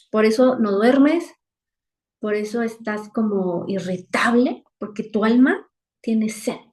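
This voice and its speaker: A woman's voice: on the high side, a little mellow. Earnest woman teaching a Bible lesson. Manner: earnest, repeats phrases for emphasis. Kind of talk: weekly online Bible lesson. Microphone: video call.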